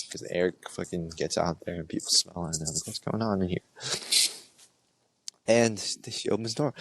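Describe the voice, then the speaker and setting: A young man hosting a podcast, telling a rambling story in a casual, filler-heavy way with restarts and swearing. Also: deep voice. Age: young adult. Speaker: podcast host.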